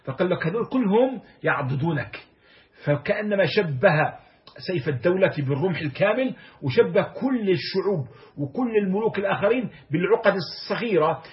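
A man's voice: sits high, expressive, fairly quick. A man giving a lecture on classical poetry, reciting verses and then explaining them word by word. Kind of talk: recorded lecture. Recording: dull lo-fi lecture recording.

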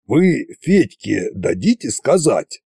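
A man voicing a gruff, commanding old undead tsar in an audiobook, speaking slowly in a gravelly, husky voice. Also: medium pitch, very animated, dark tone, no echo, studio quality, heavily acted. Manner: slow, drawling delivery. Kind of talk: audiobook character voice.

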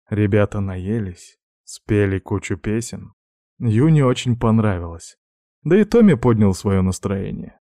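A man narrating an audiobook in an even, measured storytelling manner. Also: lowish voice, no echo, studio quality.

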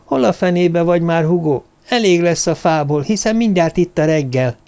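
Man reading as a young woman camper, raised pitch, gravelly edge, exclaiming, audiobook. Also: mellow. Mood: calling. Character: young woman camping, teasing then irritated.

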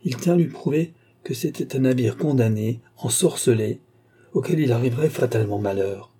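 Dark husky male audiobook narrator. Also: medium pitch, normal speed. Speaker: audiobook reader. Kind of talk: literary narration.

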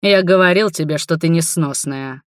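Reader doing a hoarse stern dragon lord, protective, dry close recording. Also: medium pitch, normal speed, dry recording, close to an everyday voice. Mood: stern, caring. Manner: stern and firm.

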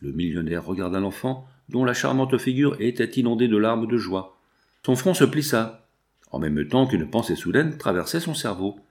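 Un homme qui lit un roman à voix haute, de manière posée et expressive. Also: male voice, lowish voice, normal speed. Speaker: lecteur de livre audio. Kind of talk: narration de roman lue.

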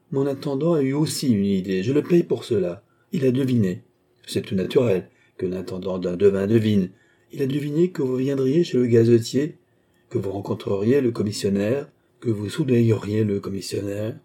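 A man voicing a calm, mocking seer-count. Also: medium pitch, normal speed. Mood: calm, ironic. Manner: smooth, courteous, quietly mocking. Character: calm, mysterious count who claims to be a seer. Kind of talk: audiobook character reading.

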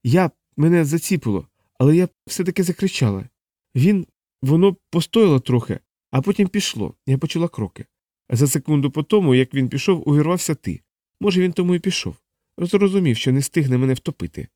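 A man voicing a frightened young woman in an audiobook, who speaks in halting, fearful bursts. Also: on the high side, lively intonation, dark tone, no echo, studio quality, voice pushed up, lightly acted. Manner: breathless, halting, fearful retelling.

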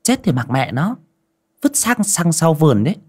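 A man's voice: a little high, sing-song, moderate pace, breathy edge, voice pushed up. A man voicing a fat, cruel landlord's wife, who screeches and scolds shrilly. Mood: bossy callous.

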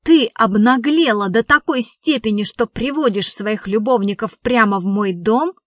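A woman's voice: on the high side, expressive, normal speed, dry recording, studio quality. A woman reading the lines of a short-tempered man who barks insults, as an audiobook dialogue reading. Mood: indignant.

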